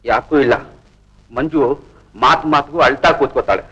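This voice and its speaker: An actor playing a kind, humble young male helper in an old Indian film drama, speaking gently and consolingly. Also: medium pitch, normal speed, breathy edge, low-quality recording. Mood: soothing.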